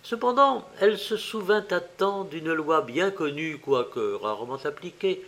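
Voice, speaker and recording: A man narrating a literary tale, reading slowly and expressively with wide swings in loudness. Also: a little high, expressive.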